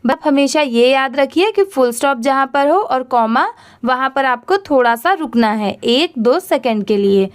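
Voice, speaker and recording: Indian woman as reading teacher: high, smooth voice, unhurried letter-by-letter spelling, quizzes then answers herself. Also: animated. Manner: spells words letter by letter, then asks and answers how to pronounce them. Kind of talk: slow spelling-out reading lesson.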